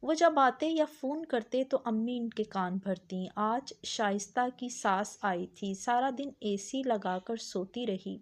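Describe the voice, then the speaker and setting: A woman narrating a scripted family story in a steady, even reading voice. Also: on the high side, few pauses.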